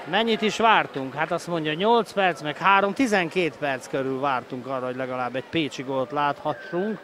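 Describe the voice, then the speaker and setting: An excited male sports commentator with a fairly high voice calls the play live. He is openly partisan, urging his side on with heated energy, over clear venue noise. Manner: excited, breaking into shouted goal calls; openly partisan, cheering on the home team. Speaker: sports commentator of a water polo match.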